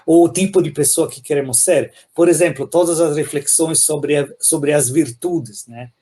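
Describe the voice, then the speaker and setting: A man from Italy with an Italian accent, a philosophy professor explaining ideas thoughtfully in an interview, often pausing and adding "né?". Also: a little high, steady tone, mellow, breathy edge. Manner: thoughtful, many pauses and "né?" tags.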